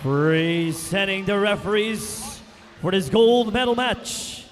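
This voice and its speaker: Filipino guy on the arena PA, high voice, slow drawn-out calls, big echoey hall. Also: expressive. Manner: drawn-out booming announcements. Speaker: arena game announcer. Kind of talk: arena public address announcing. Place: indoor sports arena. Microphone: PA microphone. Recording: echoey arena with long reverb.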